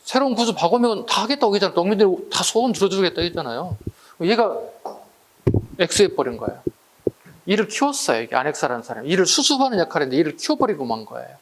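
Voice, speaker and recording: A man's voice: high voice, very animated, fast. A man teaching an exam-prep history lecture, chatty and full of rhetorical questions to his students.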